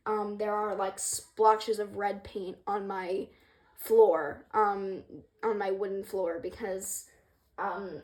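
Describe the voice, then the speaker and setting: A young woman casually explaining a craft project, rambling and hesitant with many ums, apologizing for her stuttering, in a room with a wooden floor. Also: mid-range voice. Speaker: craft creator. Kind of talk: casual tutorial vlog.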